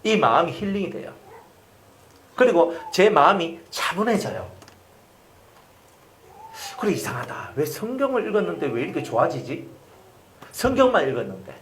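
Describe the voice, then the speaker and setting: A man's voice: fairly high pitch, moderate pace, pauses often, a little hiss or hum. Middle-aged korean pastor guy preaching, lots of repeats and questions to the crowd, voice swoops up and down, roomy echo. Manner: animated, repeats phrases and asks the congregation questions. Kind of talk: sermon.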